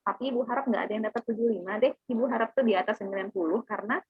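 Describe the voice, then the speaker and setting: Her voice is a little high with a breathy edge, and she races along with no room sound. As a teacher briefing an online class, she explains the plans and keeps checking that students get it, through narrow, phone-style call audio.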